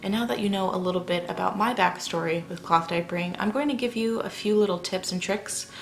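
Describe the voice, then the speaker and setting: A woman's voice: medium pitch, a little fast, gravelly, faint music behind. A young adult woman vlogging at home late at night, talking in a chatty, rambling way and keeping her voice down while her family sleeps. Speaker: parenting vlogger. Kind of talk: casual talk to camera. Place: house at night, family asleep.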